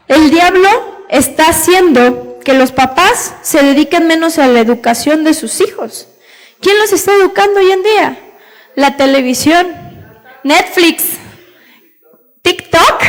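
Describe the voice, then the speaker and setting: A young woman with a Mexican accent preaching a sermon in a lively way, acting out what parents say in a raised voice and laughing often. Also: high voice.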